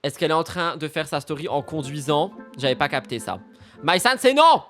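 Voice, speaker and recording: A man's voice: fairly high pitch, brisk, over music. A man hosting a casual live stream, reacting to celebrity news with campy, teasing, theatrical outbursts.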